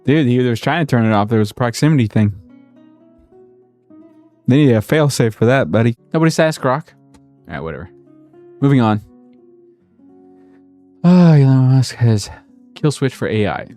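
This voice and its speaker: Man yelping in excited reactions. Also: medium pitch, moderate pace, pauses often, soft background music. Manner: loud excited outbursts while watching. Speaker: host reacting to clips. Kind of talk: casual reaction commentary.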